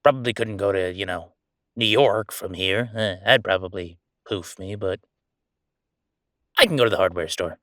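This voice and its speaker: An actor with a low-pitched, fairly bright voice plays a chatty, sardonic ghost roommate in roleplay audio, speaking at normal speed. His teasing, exclamatory, conversational delivery feels wry, and the dry recording has clean studio sound.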